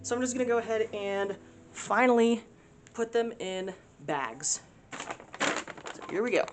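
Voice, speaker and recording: A woman's voice: fairly high pitch, animated, a little slow, slight background noise. A young woman chatting casually through her day at home for a vlog, rambling with lots of fillers. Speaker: vlogger.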